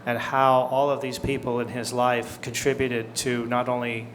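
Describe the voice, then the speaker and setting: A man, an author and musician, introducing his novel on a book festival panel in a measured way, with some hesitations. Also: medium pitch, little pitch movement, slight background noise. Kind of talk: panel talk.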